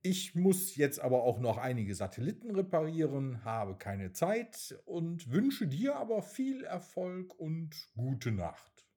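A busy woman astronaut from a bedtime storybook, brisk and hurried, as a man puts her on. The voice stays mellow and a bit lifted. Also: on the high side, sing-song, slightly rough, pitched above the performer's own voice, heavily acted.

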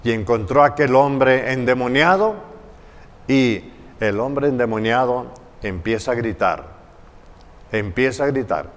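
Slow emphatic preacher in a reverberant church. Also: male voice, mid-range voice, animated. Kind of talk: sermon.

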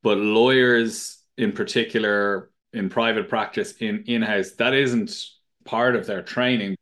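A man's voice: lowish voice, a bit bright. A man hosting a podcast interview, asking conversational questions in a friendly way. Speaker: podcast host.

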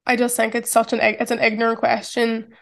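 A woman in her twenties with a strong Irish accent hosts a solo podcast, chatting reflectively and saying "like" a lot. Her voice is on the high side, monotone, a little fast, with vocal fry.

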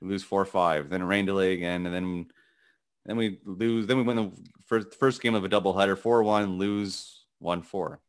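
A middle-aged man co-hosting a casual sports podcast, talking in a gravelly morning voice, rambling and halting with many restarts and fillers. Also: deep voice, fairly even intonation. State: voice cracking. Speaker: podcast co-host.

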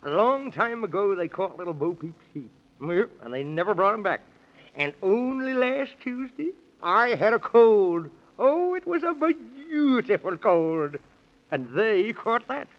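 Casting: fussy, befuddled old-radio fantasy fellow, high-pitched and swooping, dithering and repeating himself, dull vintage recording. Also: male voice, big pitch swings, a little slow, full character voice. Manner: dithering, repeats himself, pedantic nonsense logic. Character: fussy, befuddled, excitable Man in the Moon. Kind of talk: 1930s children's radio serial acting.

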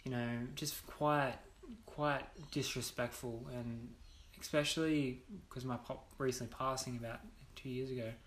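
A man's voice: medium pitch, steady tone, a little slow, a bit bright, slight background noise. A young man, a podcast guest, telling a personal story candidly, bluntly and with frequent swearing. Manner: blunt, swears freely, many restarts. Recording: roomy echo.

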